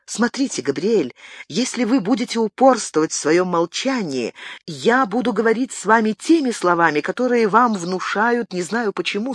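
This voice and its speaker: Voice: medium pitch, a bit bright, no echo, clean studio sound, pitched above the performer's own voice. A reader voicing an earnest, insistent young noblewoman in an audiobook, pleading and questioning in a raised tone. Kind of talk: audiobook character reading.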